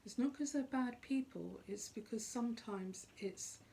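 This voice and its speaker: A middle-aged or older woman speaking off the cuff as a psychic, in an earnest, emphatic way with deliberate, repeated phrasing. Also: a little high, vocal fry, mellow, a little hiss or hum. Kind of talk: unscripted spoken monologue on spiritual life.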